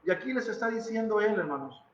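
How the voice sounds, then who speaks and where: In a church hall, a fast-talking, animated pastor with a Mexican Spanish accent preaches in a high-pitched voice. He is emphatic and dramatic, repeating phrases and questioning the congregation. The sound is roomy, with the highs cut off.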